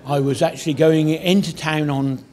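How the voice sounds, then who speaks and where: A man's voice: on the high side, steady tone, moderate pace, darkish tone. An older man from the Cotswolds in England, a town crier, talking casually in an interview.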